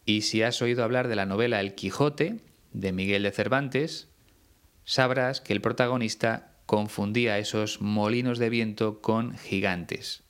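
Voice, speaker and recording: A man from Spain teaching Spanish, explaining words slowly and carefully and spelling them out letter by letter. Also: on the low side, a bit bright, clear, resonant tone. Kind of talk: slow explanatory lesson.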